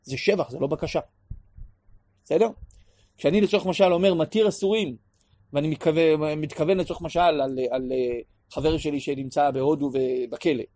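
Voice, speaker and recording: A man teaching a class on prayer in an animated way, acting out pleas and sometimes raising his voice to a shout. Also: fairly high pitch, no echo. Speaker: religious teacher.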